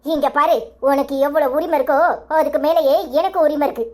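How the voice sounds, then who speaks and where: A performer voicing an indignant, sharp-tongued young wife in a cartoon comedy, with a Tirunelveli Tamil accent and a scolding manner. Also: high voice, steady tone, brisk, close to an everyday voice.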